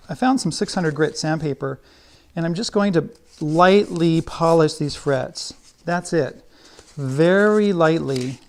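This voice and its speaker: A middle-aged man teaching guitar in a relaxed, chatty way, thinking aloud as he works. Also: on the high side. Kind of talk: casual how-to lesson while working.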